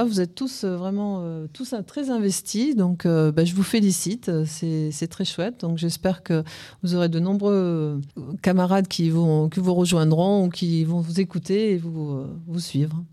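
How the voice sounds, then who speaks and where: A woman's voice: fairly low pitch, normal speed, dark tone, dry recording. A middle-aged woman chatting as a guest on a school radio show, hesitant with many fillers. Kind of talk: casual chat.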